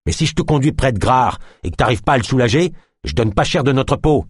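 A man's voice: mid-range voice, expressive, quick pace, slightly rough, dry recording, studio quality, pitched above the performer's own voice. A man voicing a coarse, crude jail guard who grumbles in slangy talk. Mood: gruff.

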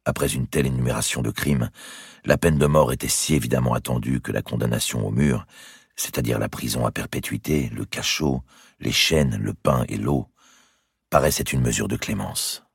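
Very deep gravelly male narrator. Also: no room sound, studio quality. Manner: measured storytelling. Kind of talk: dramatic audiobook narration.

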